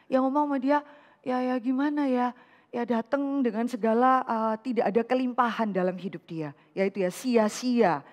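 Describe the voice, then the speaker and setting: A woman vicar preaching a lively sermon to a women's fellowship, asking rhetorical questions and mixing in English phrases. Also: fairly high pitch, big-room sound. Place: church hall.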